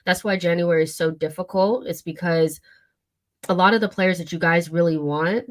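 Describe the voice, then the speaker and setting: Hoarse woman chatting with low pitch. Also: normal speed. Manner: chatty, many fillers and asides. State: hoarse from a cold. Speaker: football channel host. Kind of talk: casual livestream chat.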